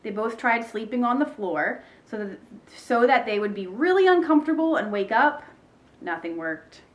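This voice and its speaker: Expressive woman reading a children's book. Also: medium pitch. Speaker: teacher reading aloud. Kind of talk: children's book read-aloud.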